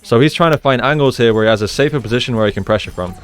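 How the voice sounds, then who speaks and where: A mid-range male voice delivers rapid-fire video game commentary, a coach and analyst walking through every move. He explains things conversationally and keeps asking "right?".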